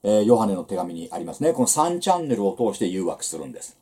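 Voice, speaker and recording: Male Bible lecturer, seminar style, animated pitch, conversational asides. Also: quick pace. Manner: conversational teaching with rhetorical asides.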